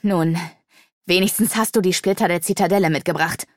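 A short-tempered male sage snaps and needles in this storybook reading, voiced by a woman. The voice is raised and sharp, set in a dry, close sound. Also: medium pitch, moderate pace, no room sound, close to an everyday voice. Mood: irate.

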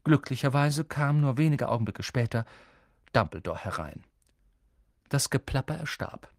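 A man reading an audiobook in expressive, scripted narration on a close mic. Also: medium pitch, moderate pace, no echo. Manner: expressive, lively storytelling.

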